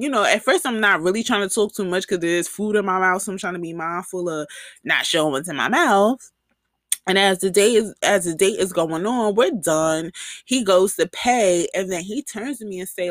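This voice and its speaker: A woman's voice: medium pitch, dry recording, clean studio sound. Sassy woman telling a dating story. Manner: chatty, sassy, candid, with slang and asides to listeners. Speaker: podcast host. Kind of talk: casual storytelling monologue.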